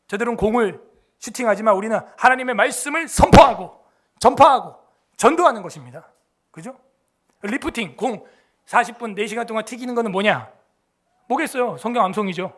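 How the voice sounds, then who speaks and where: A pastor preaches in a high, bright man's voice. His delivery is animated and chatty, and he keeps tossing rhetorical questions at the congregation. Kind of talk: sermon. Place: church.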